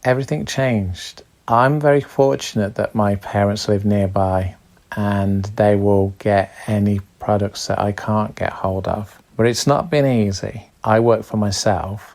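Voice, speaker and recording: A man from England with a slightly low voice tells his own story in a plain, steady way. He speaks as a blind entertainer in a recorded personal account. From Birmingham, England.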